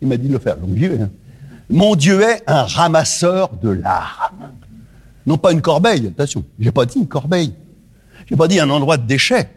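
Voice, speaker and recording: A man preaching a sermon to his congregation, swinging between loud rising lines and hushed low questions. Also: big pitch swings, moderate pace, slightly rough.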